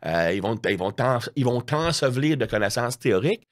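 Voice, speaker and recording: With a medium-pitched voice and a fairly quick delivery, a Quebec French-accented strength coach chats on a podcast. His storytelling is animated, slangy, and self-mocking.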